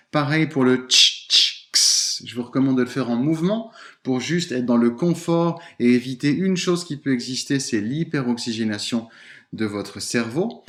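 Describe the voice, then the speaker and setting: A man coaching listeners on voice and public speaking in a podcast lesson, speaking expressively and shifting intonation and stress as he demonstrates. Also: mid-range voice.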